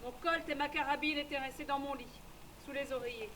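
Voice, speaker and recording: A woman narrating in the first person as a tough frontier woman, telling her story briskly and matter-of-factly. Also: sits high, steady tone, noisy background, close to an everyday voice.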